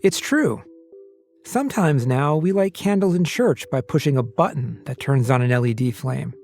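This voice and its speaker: A man hosting a podcast, reading scripted narration in a measured way. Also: medium pitch, expressive, darkish tone, soft background music. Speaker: podcast host.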